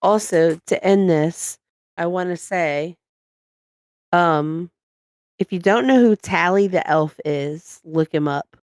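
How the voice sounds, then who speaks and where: A woman's voice: on the low side, slow, no echo, studio quality. A woman co-hosting a casual podcast, telling stories with lots of laughter. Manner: animated storyteller, laughs often. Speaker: podcast co-host. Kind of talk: casual chat.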